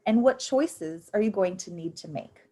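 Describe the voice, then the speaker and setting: A woman's voice: mid-range voice, animated, normal speed, warm tone. A woman in her thirties leading an online youth finance workshop, upbeat and encouraging, with frequent ums, speaking into a computer mic on a video call. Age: 30s. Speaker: financial literacy presenter.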